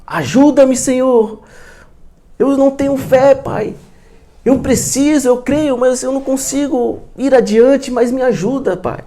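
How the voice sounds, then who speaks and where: A man's voice: unhurried, warm tone. A preacher acting as a desperate begging father. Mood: pleading. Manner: pleading, tearful, high and strained. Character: desperate father begging for his possessed son.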